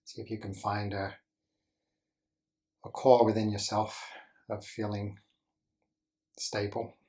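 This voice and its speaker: In a deep voice with steady, flat intonation, a man talks listeners through a meditation. He gently instructs like a teacher, breaking his speech into short phrases with careful pauses.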